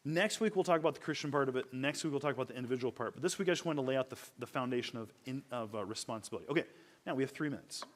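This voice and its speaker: A man's voice: mid-range voice, rapid-fire. Conversational man teaching a church class. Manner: conversational, self-correcting, rhetorical questions. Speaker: Bible teacher.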